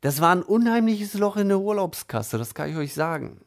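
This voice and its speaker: A man's voice: sits high, lively intonation, brisk, creaky. A man telling a casual personal anecdote in a chatty, colloquial way, with frequent tag questions. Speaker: storyteller.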